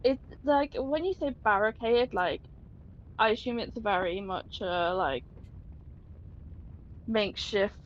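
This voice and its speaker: A woman's voice: mid-range voice, slow, long pauses, muffled recording, a little hiss or hum. A woman playing a tabletop game, hesitant with many fillers. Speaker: player.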